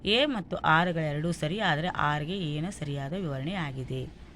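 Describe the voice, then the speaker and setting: A woman reads out exam questions and answers slowly, one item at a time, in the instructional style of a teacher and with a North Karnataka accent. Her low voice has a fairly bright tone, with some slight hiss or hum.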